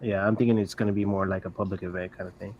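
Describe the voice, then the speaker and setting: A man co-hosting a casual gaming podcast, speaking haltingly with mid-sentence restarts. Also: sits low, fairly even intonation, dull audio, a little hiss or hum. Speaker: podcast co-host.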